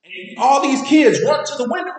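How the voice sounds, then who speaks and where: A man's voice: extremely high pitch, expressive, normal speed, crowd noise. A man telling loose, profane stories in a casual chat, acting out quotes between laughs. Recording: roomy, echoey room.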